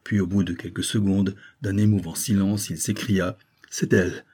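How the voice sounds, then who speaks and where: A man reading a novel aloud in measured storytelling narration. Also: sits low, little pitch movement, mellow, slightly rough. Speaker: audiobook narrator. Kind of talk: scripted narration.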